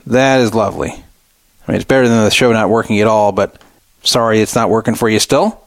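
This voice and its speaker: On his talk radio show, a middle-aged host delivers opinionated solo commentary, phrasing things emphatically and deliberately and repeating points for emphasis. His voice is lowish and the recording is dry.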